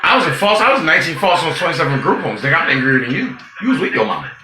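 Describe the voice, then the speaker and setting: A man's voice: sing-song, racing. Profane preachy man, roomy echo. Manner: profane and preachy, swinging between loud outbursts and low muttering. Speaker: vlogger. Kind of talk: unscripted street-talk monologue. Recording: roomy, with music playing behind.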